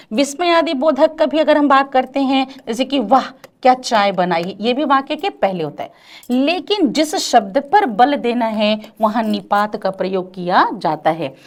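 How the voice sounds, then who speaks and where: A woman teaching an exam-prep grammar lecture, calling her students "beta" and often checking whether it is clear, drawing out example lines slowly. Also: high voice.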